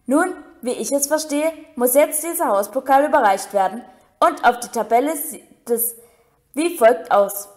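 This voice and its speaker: A woman's voice: sits high, animated, normal speed. A woman reading aloud as a cheerful, playful old headmaster giving a grand speech. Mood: jovial. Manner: jovial, grand.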